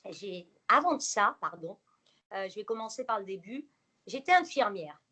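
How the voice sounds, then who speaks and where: A woman's voice: mid-range voice, big pitch swings, moderate pace, bright, forceful tone. A woman in her forties telling her life story to a small group, with many fillers and hesitations. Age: 40s. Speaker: guest speaker.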